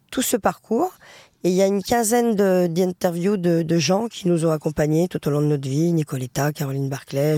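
A woman singer and author talking casually in an interview, chatty and lively, with many fillers and restarts, and a French Traveller community accent. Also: lowish voice, dry recording, clean studio sound.

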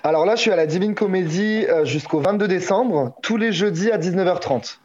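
Quick upbeat guest, muffled sound. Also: male voice, sits high, crowd noise. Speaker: stage comedian guest. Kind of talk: casual interview.

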